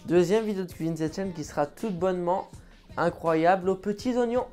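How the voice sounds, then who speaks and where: A man's voice: sits high, a little fast, dark tone, faint music behind. Chatty joking man vlogging from home. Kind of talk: casual vlog chat. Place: at home indoors.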